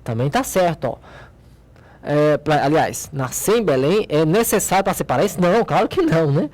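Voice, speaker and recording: A woman with a lowish voice teaches a logic class in a Brazilian accent. She walks through each exercise patiently, pointing at the page and asking her own questions before answering them. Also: sing-song, normal speed, darkish tone. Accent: Brazilian Portuguese. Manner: explains step by step, asks and answers own questions, frequent "né?" and "ó". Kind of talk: recorded logic lesson.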